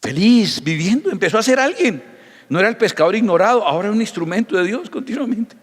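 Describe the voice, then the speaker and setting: Pastor preaching in an echoing hall. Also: male voice, high-pitched, quick pace. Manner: animated storytelling with acted dialogue. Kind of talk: sermon.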